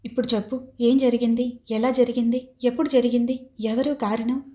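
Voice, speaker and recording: A woman's voice: a little high, level tone, normal speed, warm tone, close to an everyday voice. A woman voicing an anxious young married woman in an audiobook, asking question after question. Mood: coaxing.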